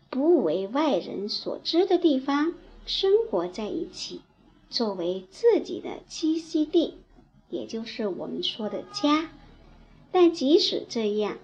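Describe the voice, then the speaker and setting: A woman's voice: fairly high pitch, a little mellow, dull audio. A woman telling a bedtime story to young children, explaining simply and expressively as if reading to a toddler.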